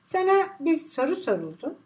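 A hard, commanding tough guy barks short orders in a storybook thriller, as a woman narrator reads him. The voice sits high and swings widely. The delivery is clipped and stern. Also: big pitch swings, moderate pace, a little mellow.

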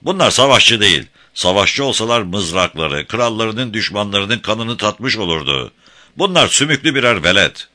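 A man's voice: on the low side, sing-song, normal speed, bright, forceful tone, voice pushed up, full character voice. A man voicing a boastful, contemptuous tyrant king in an audiobook, bellowing and mocking his subjects. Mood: scornful. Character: roaring proud tyrant king, contemptuous, domineering. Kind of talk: audiobook character voice.

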